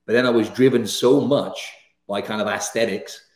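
Chatty Welsh man with a low voice. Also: steady tone, moderate pace, reverberant. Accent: Welsh, softened by years in Australia. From Wales. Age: 30s. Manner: chatty and upbeat, many fillers like "you know" and "right". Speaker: guest, fitness coach. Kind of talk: casual interview chat. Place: home room, indoors. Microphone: studio mic on video call.

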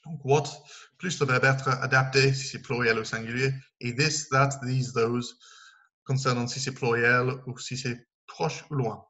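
A man's voice: mid-range voice, steady tone, unhurried, bright, forceful tone. A man teaching a recorded online English lesson, explaining step by step and counting down aloud for his learners.

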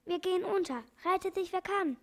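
A woman's voice: extremely high pitch, brisk, pitched above the performer's own voice. A woman voicing a ship's parrot in a storybook, shrieking in alarm. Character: shrill panicking ship's parrot.

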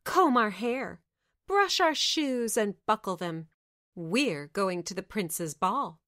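A woman doing shrill sneering stepsisters. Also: expressive, slow, a bit bright, no room sound, studio quality. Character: haughty mocking young stepsisters.

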